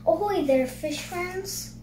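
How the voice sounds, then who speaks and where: A woman's voice: extremely high pitch, takes it slowly, pitched above the performer's own voice. A young girl voicing a cheerful, playful narwhal from a picture book, in a chirpy manner. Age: child. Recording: noisy, roomy home recording.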